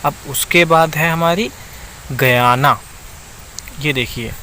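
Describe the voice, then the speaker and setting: A man teaching a map lesson, speaking slowly and repeating himself, often checking in with the viewer. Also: a little high, sharp tone, a little hiss or hum, rough recording. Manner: slow, repeats itself and keeps checking in with the viewer.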